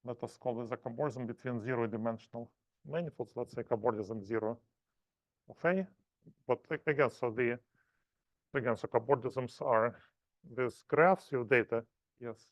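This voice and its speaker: A man lecturing at a math seminar, thinking aloud in halting phrases and restarting often. His voice sits at a middle pitch. The sound is dry and a bit muffled. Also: dry recording. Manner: halting, self-correcting explanations.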